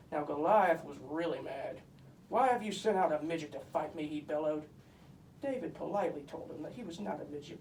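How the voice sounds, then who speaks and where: A puppet kid, voiced by a performer, tells comic Bible stories in a boastful, bossy way, with a medium-pitched, somewhat dark voice. He sounds pompous, emphatic and mock-scholarly, and he gets exasperated easily. The sound comes from a distance in an echoey room with faint background noise.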